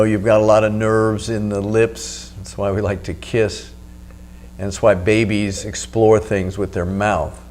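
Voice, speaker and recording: A man giving spoken meditation instruction as the teacher, in an unhurried, instructional way with pauses. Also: lowish voice, a little mellow. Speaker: meditation teacher and video host. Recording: noticeable background hum.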